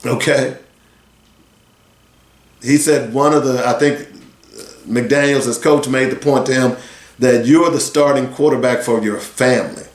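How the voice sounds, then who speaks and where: A man's voice: medium pitch, steady tone, unhurried, pauses often, roomy sound. A man in his sixties talking earnestly as a sports radio host, rambling and conversational. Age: 60s. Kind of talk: solo talk radio commentary.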